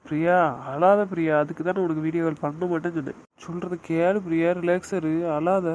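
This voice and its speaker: A man's voice: fairly high pitch, level tone, brisk, a little mellow, lo-fi sound, slight background noise, lightly acted. Man playing a young husband downplaying his injury. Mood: soothing. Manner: soothing, downplaying, hesitant. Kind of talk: audio drama acting.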